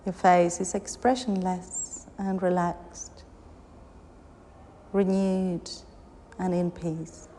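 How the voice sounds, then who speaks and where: Guiding a yoga nidra meditation, a woman speaks very slowly in a slightly low, mellow, flat voice, offering soothing instructions in short phrases separated by long pauses. Long, hall-like reverb and slight background noise are audible.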